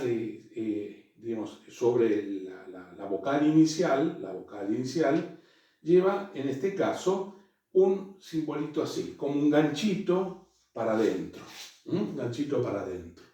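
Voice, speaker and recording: Slow, hesitant man teacher. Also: mid-range voice, warm tone. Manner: hesitant, many fillers and restarts. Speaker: Greek teacher. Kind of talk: classroom lecture. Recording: echoey room, voice far from mic.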